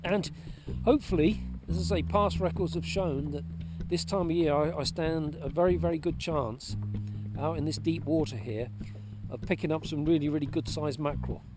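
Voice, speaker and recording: A man's voice: fairly high pitch, normal speed, over music. A man explaining fishing methods from a kayak out at sea, chatty and repeating himself as he goes, recorded on a kayak-mounted camera. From Cornwall, UK. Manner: chatty, repeats words and restarts while explaining. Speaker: kayak angler presenting a fishing video. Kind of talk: casual outdoor how-to narration. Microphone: action camera mounted on the kayak.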